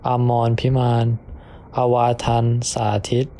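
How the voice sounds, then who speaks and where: Teenage boy rattling off a name fast. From Thailand. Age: teens. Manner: rapid, even recitation. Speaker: guest reciting a city name.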